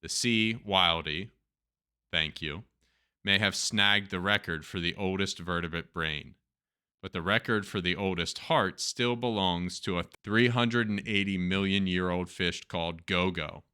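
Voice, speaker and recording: A male host with a Turkish accent reads news stories aloud, then adds chatty, joking asides. His voice is low and clean, with a bright, forceful tone, and he speaks a little slowly.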